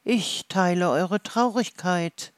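A kindly storybook forest fairy, put on by the reader, speaking softly and slowly in a half-whisper. The voice sits a little higher than the narration, gentle and soothing, and the recording is close and dry. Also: no room sound, natural voice. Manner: soft, murmuring and half-whispered.

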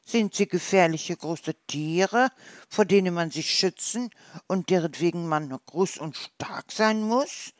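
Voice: medium pitch, slow pace, no room sound, natural voice. A storyteller voicing a hungry, puzzled young hedgehog who asks naive questions in a storybook.

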